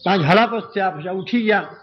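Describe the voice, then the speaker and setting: A man's voice: high voice, fairly quick, a little hiss or hum. A man telling a devotional story as a sermon, dramatic and speaking straight to his listeners. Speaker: religious storyteller. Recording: dull lo-fi recording with faint birdsong.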